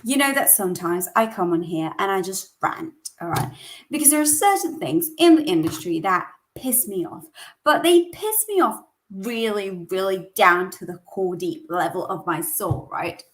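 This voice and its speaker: A woman's voice: medium pitch, lively intonation, moderate pace. A woman in her early thirties hosting her weekly vlog, talking casually and emphatically, drifting into a rant. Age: 30s. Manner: chatty, rambling, ranting, emphatic. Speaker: coach and weekly vlog host. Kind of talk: casual talk to camera.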